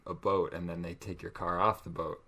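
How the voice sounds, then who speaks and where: A man with a somewhat low voice chats casually on a podcast with friends. He explains things with disbelief and a good deal of laughter, as if he is correcting them. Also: level tone, brisk, bright, forceful tone. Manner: incredulous, laughing, lecturing friends. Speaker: podcast co-host. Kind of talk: casual chat.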